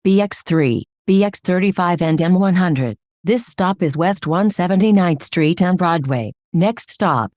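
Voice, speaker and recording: Low automated bus stop announcement woman. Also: darkish tone, dry recording, studio quality. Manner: measured, clipped stop-by-stop phrasing. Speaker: transit announcer. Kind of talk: recorded transit announcements.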